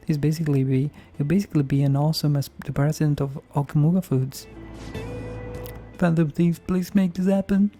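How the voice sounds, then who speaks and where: Disgruntled game office worker, played by a man, hammy amateur bad acting, very soft-toned, music behind. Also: fairly high pitch, fairly even intonation, brisk, natural voice. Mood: earnest, hopeful. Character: disgruntled office worker griping about his boss. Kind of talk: reading game dialogue aloud.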